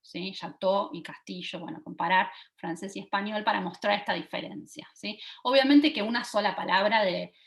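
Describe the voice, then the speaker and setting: A woman in her forties teaches over a video call at a mid pitch for a woman. She explains things step by step and keeps checking that her audience is following with quick questions. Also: vocal fry. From Argentina. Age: 40s. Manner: checks in with listeners by asking "¿sí?". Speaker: lecturer. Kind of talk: online teaching talk.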